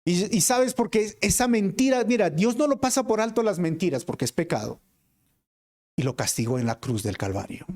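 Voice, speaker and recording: A pastor preaching a sermon with a Peruvian Spanish accent, earnest, swinging between emphatic lines and hushed ones and calling the listeners brothers. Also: male voice, high voice, expressive, normal speed. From Peru.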